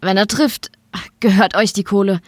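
A woman's voice: mid-range voice, steady tone, moderate pace, slightly rough, no echo, lightly acted. A woman voicing a cocky young male gambler in trouble, with a brash, defiant manner.

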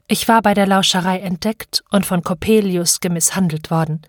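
A woman narrating an audiobook of classic literature with measured, dramatic storytelling. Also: fairly low pitch, no echo, clean studio sound.

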